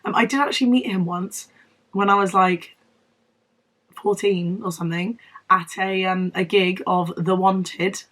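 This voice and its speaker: A woman's voice: medium pitch, steady tone, unhurried, fairly bright tone. Wheezy, unwell young English woman vlogging. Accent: southern English. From Devon, England. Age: young adult. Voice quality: wheezy, strained voice from illness. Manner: rambling, self-deprecating, apologetic. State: unwell, losing voice. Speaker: book vlogger. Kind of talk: casual chatty vlog to camera.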